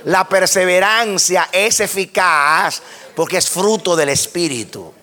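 A man preaching a sermon to a congregation. He repeats and restarts words as he builds a point, asks his listeners questions, and swings from hushed lines to near-shouted ones. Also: sits high, a little slow.

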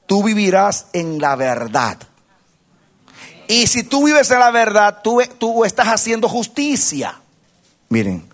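A male pastor preaches a sermon, leading the congregation in call-and-response. His voice shows vocal fry and swings from low murmurs to loud exhortation.

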